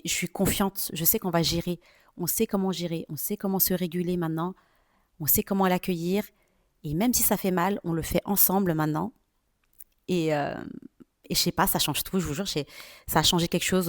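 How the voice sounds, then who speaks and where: A woman in her thirties tells personal stories on her podcast in a chatty, confiding way, often pausing to gather her thoughts. Her voice sits a bit low for a woman. The sound is dry and close, with no room around it. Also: no room sound. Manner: chatty and confiding, with frequent hesitations. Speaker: podcast host.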